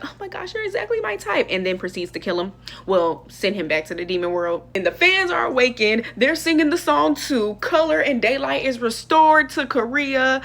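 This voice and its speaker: A young woman giving a casual, slangy movie review in a chatty, expressive way. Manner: chatty, expressive, slangy, lively pitch swings.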